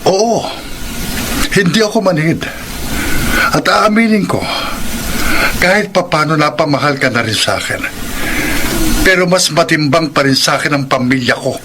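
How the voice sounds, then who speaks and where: A man's voice: on the high side, moderate pace, pauses often, close to an everyday voice. A man playing an accusing married man torn from his family in a melodramatic radio drama, reproachful in manner. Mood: reluctant admission. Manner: reproachful, blaming. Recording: clear background noise.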